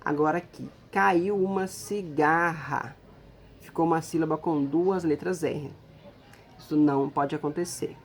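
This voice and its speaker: A woman's voice: low-pitched, a little hiss or hum. A woman teacher giving a recorded lesson, explaining patiently step by step and checking in with her students.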